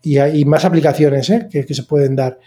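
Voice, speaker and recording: Male podcast host, slightly high, mellow tone, rambling and hesitant delivery. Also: normal speed. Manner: chatty, hesitant, many fillers and restarts. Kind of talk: casual podcast chat.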